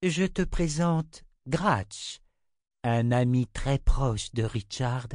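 A soft, coaxing mother calms her frightened little girl, as a man reading a storybook puts her on. Her voice sits a little higher than a man's usual speech and stays calm and unhurried. The recording is close and dry. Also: no room sound. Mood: soothing. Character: gentle, reassuring mother of a young girl. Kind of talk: audiobook character reading.

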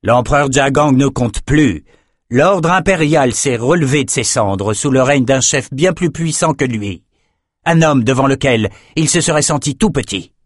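A man's voice: mid-range voice, expressive, measured pace, no echo, voice pushed up. A smug, arrogant messenger with a sly, haughty way of speaking, as a man puts him on. His voice sits a little above a man's usual register. The sound is close and dry.

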